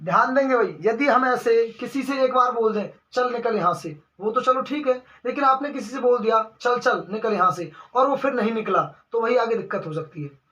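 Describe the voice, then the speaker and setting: A man's voice: very high-pitched, moderate pace, sharp tone. A young man teaching a Hindi grammar lesson for exams, asking the class questions, answering them himself and calling the listeners brother. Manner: calls the listeners brother again and again. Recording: dull lo-fi recording.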